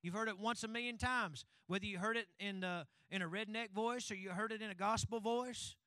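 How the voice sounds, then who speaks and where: A man preaches to his church in a strikingly high, sharp voice. He keeps asking the room questions and drives his points home until he is shouting fervently. The sound is close and dry. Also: steady tone, fairly quick, dry recording, low-quality recording. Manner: call-and-response preaching, building to fervent shouting. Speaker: pastor. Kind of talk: sermon. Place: church sanctuary.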